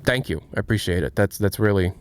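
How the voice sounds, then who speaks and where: Low-voiced man in his late twenties. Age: 20s. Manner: candid, reflective, halting with many restarts. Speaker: streamer. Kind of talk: casual livestream chat, answering chat.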